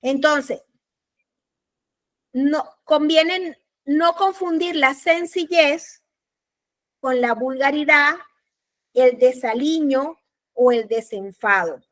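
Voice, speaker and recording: A woman law lecturer with a Panamanian Spanish accent teaches a recorded class. Her voice sits high and bright. She speaks slowly and deliberately, going back over each point. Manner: slow, deliberate, repeats key points.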